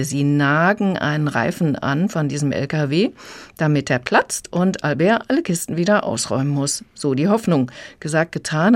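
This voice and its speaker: Brief: female book reviewer, deep voice, calm and measured. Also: no room sound.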